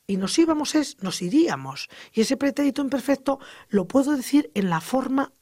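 Teacher on a radio lesson explaining grammar, lively, tosses in little example sentences, very dry sound. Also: high-pitched, moderate pace, no echo.

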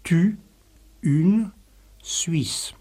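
A man modelling French pronunciation, reading single words aloud one by one with deliberate care. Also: fairly high pitch. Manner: slow, deliberate, lively word-by-word pronunciation.

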